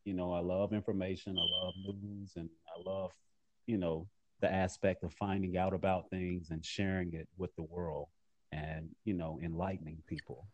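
A man giving measured, earnest interview answers in fairly formal wording as a magazine editor. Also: sits low, level tone, lo-fi sound.

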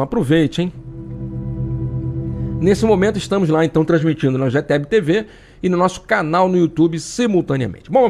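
A man's voice: on the high side, darkish tone. A man with a Brazilian accent hosting a talk show, chatty and joking as he speaks to listeners. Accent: Brazilian Portuguese. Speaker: radio and web show host. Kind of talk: casual talk show monologue.

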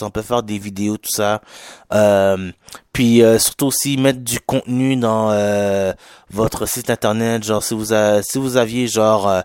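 A man's voice: mid-range voice, clean tone, dry recording, studio quality. A young man from Quebec with a Québécois French accent that has a slight Haitian touch, hosting his own podcast in a chatty, rambling solo monologue full of fillers and English slang. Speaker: podcast host.

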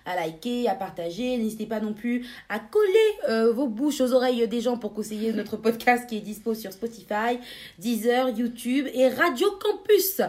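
A young woman co-hosting a casual podcast, bubbly, laughing often and filling pauses with hesitations. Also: fairly high pitch, darkish tone. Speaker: podcast co-host.

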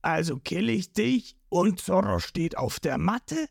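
A woman doing a gruff fish-man boss. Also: lowish voice, very animated, slow pace, darkish tone, dry recording, clean studio sound, pitched above the performer's own voice, full character voice. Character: domineering male fish-man pirate boss.

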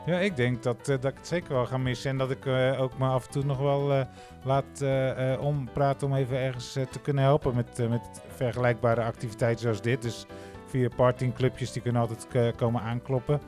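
A man's voice: medium pitch, steady tone, a little fast, darkish tone, faint music behind. A man co-hosting a radio show, reminiscing casually and often searching for his words. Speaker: radio show co-host looking back.

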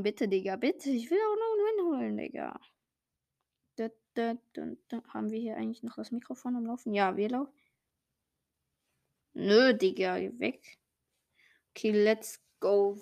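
A young, slangy gamer giving excited casual commentary while playing, full of exclamations and swearing. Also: mid-range voice. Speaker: gaming streamer playing a party game.

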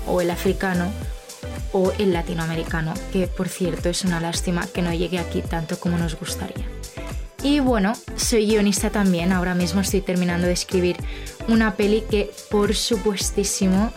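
A woman in her twenties with an accent from Spain talks in a chatty, warm way as a guest, her voice fairly low for a woman. Music plays clearly behind her. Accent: Spanish from Spain. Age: 20s. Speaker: guest screenwriter. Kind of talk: casual chat.

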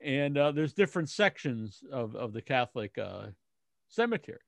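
An American man co-hosts a podcast, chatting casually and telling stories in a rambling, halting way full of false starts. His voice is medium-pitched with big swings in pitch and some vocal fry, recorded with no echo.

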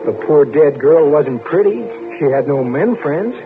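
A man's voice: fairly high pitch, expressive, unhurried. An actor playing an odd, morbid male stranger in an old radio drama. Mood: morbid, probing. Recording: tinny old radio, music behind.

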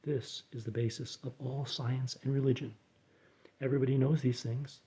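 Guy reading stuff out quietly, lots of whispering, warm low tone, dry jokes. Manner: soft, slow, often whispered delivery; dry deadpan asides. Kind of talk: quiet reflective readings and recipe read-aloud.

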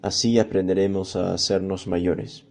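A man narrating a children's story in a calm, measured way. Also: sits low, vocal fry.

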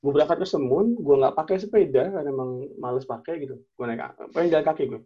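Young man telling a lively story. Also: fairly high pitch, fast talker, slightly rough, highs cut off. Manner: animated, acts out quoted dialogue, lots of slang and fillers. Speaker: guest telling a personal story. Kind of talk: casual storytelling chat.

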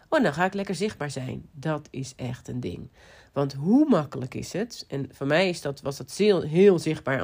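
Low-voiced woman, lively rambling talk. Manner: lively, tumbling sentences with many restarts and fillers. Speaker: marketing and business coach. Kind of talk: casual monologue, podcast-like.

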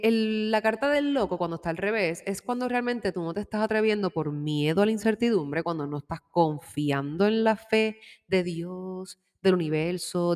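A woman giving a casual tarot reading, chatty and warm in tone, slipping English words into her talk and laughing easily. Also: fairly low pitch, long reverb tail. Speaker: tarot reader. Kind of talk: casual spiritual guidance talk. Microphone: microphone with headphones.

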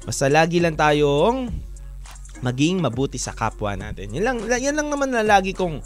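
A man with a high, bouncing voice hosts a radio-style program, telling stories and talking straight to his listeners. His delivery swings up and down with lots of energy, and soft music plays faintly underneath. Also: normal speed. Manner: animated, keeps calling listeners "mga kawan". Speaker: DJ host.

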